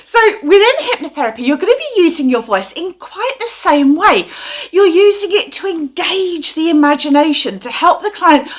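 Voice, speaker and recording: A woman's voice: extremely high pitch, big pitch swings, normal speed, few pauses. A woman teaching hypnotherapy, explaining and then demonstrating dramatic aversive suggestions in a hypnotic voice.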